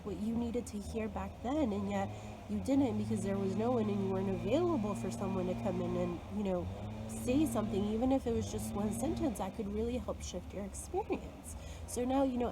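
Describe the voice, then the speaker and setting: A spiritual content creator with a mid-range voice talks alone, earnest and reflective, coaching herself and her listeners through fear. She says "like" often and laughs softly from time to time. The background is noisy.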